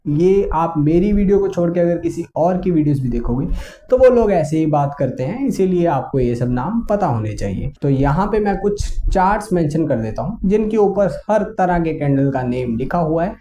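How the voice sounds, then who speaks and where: A man explaining chart reading in a casual, conversational lesson, often pausing on fillers. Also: fairly high pitch, animated, warm tone, a little hiss or hum. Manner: conversational, many fillers and English words mixed in. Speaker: trading teacher.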